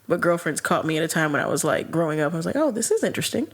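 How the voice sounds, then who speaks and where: A woman co-hosting a podcast, chatting in a casual, animated way and saying "like" a lot. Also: sits low, rapid-fire. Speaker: podcast co-host. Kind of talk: casual chat.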